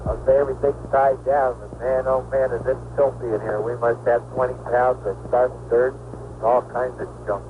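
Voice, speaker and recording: A man's voice: medium pitch, little pitch movement, normal speed, narrow, tinny audio. A male astronaut giving clipped radio callouts over a breaking-up space radio transmission. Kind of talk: live mission radio talk. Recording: noisy archival space radio.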